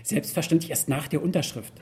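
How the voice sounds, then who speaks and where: A man's voice: fairly high pitch, fairly quick, darkish tone, slightly rough. A man voicing a cheerful, overeager woman starting a new job, in a storybook reading. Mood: giddy. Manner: bubbly, overeager.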